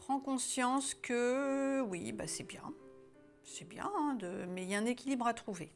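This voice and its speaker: A woman's voice: on the high side, a little slow, vocal fry, soft background music. A woman giving a casual tarot guidance reading, talking hesitantly with many fillers and restarts, chatty and informal. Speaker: tarot card reader.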